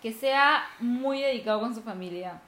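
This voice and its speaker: A young woman talks in a loose, rambling way, full of fillers. Her voice is bright and sits a little high. The room around her is echoey. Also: moderate pace, a little hiss or hum. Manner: chatty, rambling with many fillers. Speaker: co-host. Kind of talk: casual chat. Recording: roomy echo.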